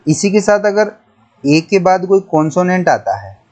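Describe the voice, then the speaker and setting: A man's voice: high voice, sing-song, normal speed, darkish tone. A man teaching an English grammar lesson, methodical and repetitive, spelling words out letter by letter. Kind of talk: classroom-style lesson explaining pronunciation.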